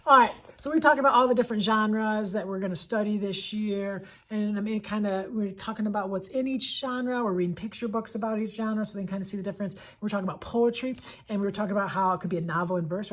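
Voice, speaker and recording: Presenting picture books as an elementary school teacher, this woman has a husky, mid-range voice. Her relaxed vlog recommendations come across as eager and chatty, with repetition used to drive points home.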